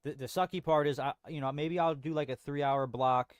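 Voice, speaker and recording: A man's voice: on the high side, steady tone, a little fast, no echo. A young man streaming from home, chatting casually with viewers in a rambling, slangy way full of restarts. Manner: rambling, frequent restarts and slang, says bro a lot. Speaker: livestream host.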